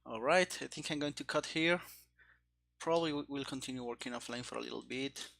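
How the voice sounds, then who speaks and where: During a casual live coding stream about game development, a programmer thinks aloud in short, halting phrases. His mid-range voice sounds gravelly and a bit bright.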